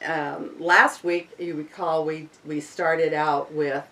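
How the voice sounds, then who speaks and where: A woman's voice: deep voice, flat delivery, takes it slowly, fairly bright tone. Woman leading a vowel-sound chant, far off the mic. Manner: informal, explains with fillers and restarts. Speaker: workshop leader. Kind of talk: guided sound-healing workshop. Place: room with a small group.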